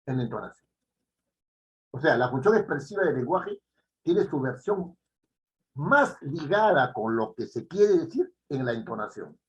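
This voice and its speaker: A man giving a classroom lecture, repeating key phrases and checking in with the students with quick tag questions. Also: mid-range voice, sing-song, dull audio. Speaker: teacher.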